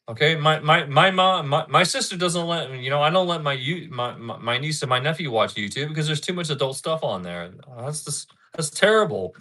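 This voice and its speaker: A man's voice: a little high, animated, moderate pace, sharp tone. A man in his thirties chatting casually on a live stream, rambling, repeating himself and answering his chat. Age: 30s. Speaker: livestreamer.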